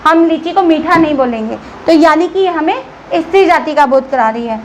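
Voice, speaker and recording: A woman's voice: high voice, expressive, moderate pace, a little hiss or hum, low-quality recording. A woman school teacher giving a grammar lesson to children, patiently asking questions and answering them herself.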